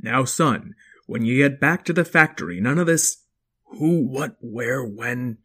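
A man voicing a gruff but kindly, hardworking dinosaur father in a children's story, speaking in a folksy, firm and encouraging way. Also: mid-range voice, lively intonation, measured pace, fairly bright tone.

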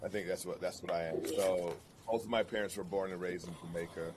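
A man's voice: low-pitched, fairly even intonation, a little fast. A middle-aged man from California, a podcast guest speaking thoughtfully in casual conversation, often restarting his sentences. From California, United States. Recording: audible background noise.

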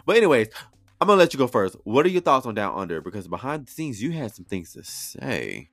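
A man's voice: mid-range voice, sing-song, fast talker. A man co-hosting a casual chat, talking in emphatic, slangy drag-scene phrases. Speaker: podcast co-host.

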